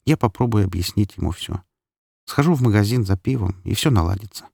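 A man's voice: fairly low pitch, expressive, a little fast, vocal fry, slightly rough, dry recording, studio quality, heavily acted. A man voicing a scared, defiant mother. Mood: resigned. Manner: pleading, then sharp and scolding. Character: frightened, defiant mother, adult woman. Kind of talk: audiobook character voice.

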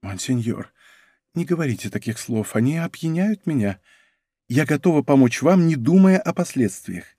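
A man reading as a soft-spoken young marquise. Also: mid-range voice, expressive, normal speed, husky, no room sound. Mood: tender. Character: young noble marquise, tender and devoted.

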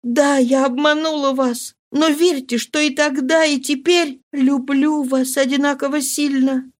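A woman's voice: high-pitched, fairly even intonation, unhurried, pitched above the performer's own voice. A woman reading a novel aloud, voicing a remorseful young wife who pleads tearfully with her husband in a heightened, imploring way. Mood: pleading, anguished.

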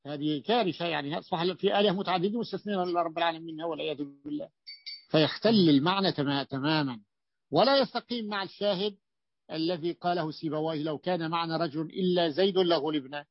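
Sheikh guy teaching grammar really fast, kinda high voice, dull dry lo-fi sound. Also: no room sound. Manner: explanatory, asks students questions, many restarts. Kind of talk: classroom grammar lesson.

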